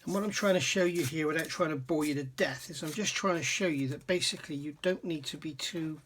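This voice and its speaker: Brit hobbyist host, rather high voice, dry throat, chatty and self-deprecating tutorial at home bench. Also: male voice, fairly quick, a bit bright, a little hiss or hum. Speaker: scale model building channel host. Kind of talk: casual workbench tutorial.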